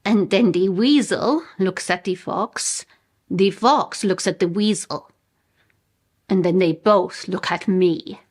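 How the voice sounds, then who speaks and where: Casting: actress as bemused female storyteller, Polish accent, comic monologue, unhurried and deliberate, medium pitch. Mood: astonished. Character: bemused woman telling an absurd personal anecdote. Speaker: monologue performer.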